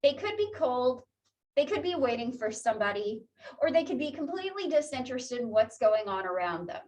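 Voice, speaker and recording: A woman's voice: fairly high pitch, very animated, fairly quick, darkish tone. A woman teaching a psychology class in a chatty, conversational lecture style, laughing often. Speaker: psychology instructor.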